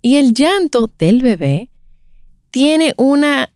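A woman in her forties telling a personal story in a conversational interview, animated and acting out the voices of others. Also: sits high, slow pace, dry recording, studio quality. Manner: animated, acts out quoted voices. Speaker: guest speaker on breastfeeding.

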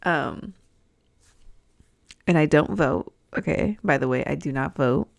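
Low, creaky Californian woman with uptalk. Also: takes it slowly, dry recording, studio quality. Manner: uptalk, statements sound like questions; rambling, self-conscious, giggly. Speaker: comedy podcast host. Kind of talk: casual solo podcast chat.

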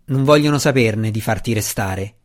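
A man voicing a gruff, sarcastic male deep gnome guard in an audiobook, growling and agitated. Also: moderate pace, close to an everyday voice. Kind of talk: audiobook character reading.

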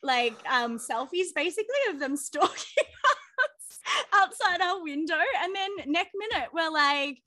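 A woman's voice: very high voice, expressive, unhurried, pushed and bright, no echo, clean studio sound. A woman co-hosting a podcast, chatting in a bubbly, gushing way full of fillers. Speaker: podcast co-host. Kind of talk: casual chat.

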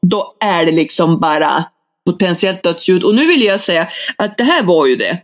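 A woman's voice: on the low side, lively intonation. A woman co-hosting a casual podcast, playful and self-mocking as she explains a quirk. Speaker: podcast co-host.

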